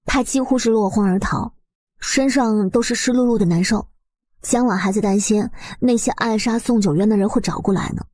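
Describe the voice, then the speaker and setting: A woman narrates a story in a fairly high voice with a slightly husky edge. Her telling is colloquial and expressive, dramatizing the webnovel as she goes. The sound is close and dry. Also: moderate pace, dry recording.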